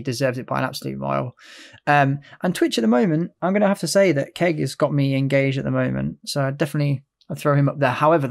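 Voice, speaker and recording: A man's voice: medium pitch, gravelly. A young man as a podcast guest, laid-back and joking, with blunt opinions. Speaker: podcast guest, game content creator. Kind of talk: casual podcast interview.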